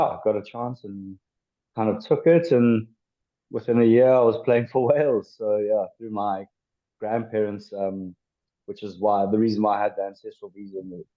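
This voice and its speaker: In a casual podcast chat, a South African man in his twenties, once a rugby player, talks about his past in a lowish voice. The recording sounds dull and lo-fi, and his speech is hesitant, full of ums and restarted sentences.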